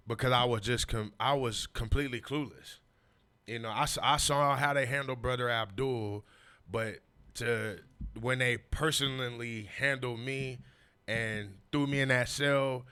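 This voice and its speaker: On a podcast, a man in his forties tells his own story with emphatic, slang-heavy casual speech, frequently dropping "you know what I mean" and repeating street expressions. His mid-range voice sounds bright, forceful and smooth.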